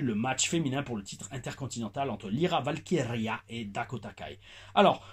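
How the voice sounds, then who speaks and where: A man from France hosting a casual wrestling review, talking in an animated, playful way with many asides. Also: on the high side, breathy edge. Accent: French. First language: French.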